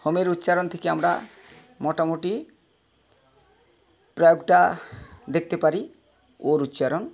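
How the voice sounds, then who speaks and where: A man's voice: a little high, flat delivery, darkish tone. Patient male teacher spelling words. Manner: slow, patient, repeats and spells out each word. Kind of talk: spoken English pronunciation lesson.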